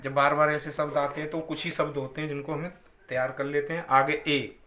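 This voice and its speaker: Male Hindi teacher with a slightly high voice, patient and repetitive, recorded in an echoey room. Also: flat delivery, sharp tone. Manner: slow, drawn-out vowel demonstrations, repeating sounds. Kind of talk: classroom grammar lesson.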